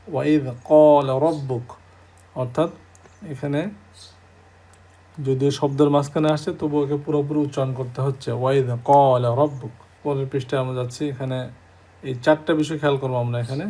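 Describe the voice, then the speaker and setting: Man teaching a lesson, slightly high voice. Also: darkish tone. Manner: reads out English points slowly, then explains in a measured way. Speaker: Arabic teacher. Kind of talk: explaining a textbook lesson.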